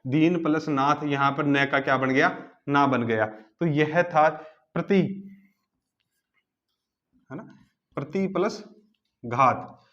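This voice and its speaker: A man teaching a grammar lesson who asks rhetorical questions and spells words out slowly, piece by piece. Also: on the high side, a bit bright, lo-fi sound. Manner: asks the class rhetorical questions then answers.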